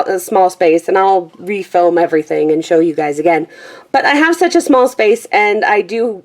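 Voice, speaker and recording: Her mid-range voice is a little mellow as she chats on camera about her colouring book collection. In a small room at home with a pet squeaking close by, this vlogger rambles and pokes fun at herself, trailing into fillers and guessing at names as she goes.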